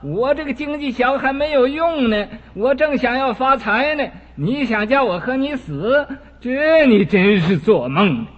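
A man's voice: very high voice, expressive, measured pace, few pauses, voice pushed up, heavily acted. A man voicing a greedy young son who brushes off his father in a brusque, impatient way, heard on a dull lo-fi recording in a reverberant hall.

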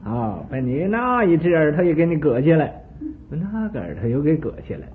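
A man voicing a jealous, hot-tempered ancient king who shouts scornful challenges, in a retold sermon story. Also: on the high side, big pitch swings, normal speed, pitched above the performer's own voice. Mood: angry, taunting. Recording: tinny phone-like sound with faint hiss.

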